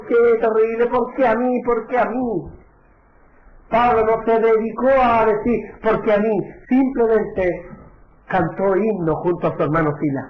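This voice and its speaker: Pastor, high-pitched man, preaching with rhetorical questions, roomy lo-fi church recording. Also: a little hiss or hum. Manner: preaching with rhetorical questions, addressing listeners as brother. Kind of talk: sermon. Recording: echoey, dull lo-fi church recording.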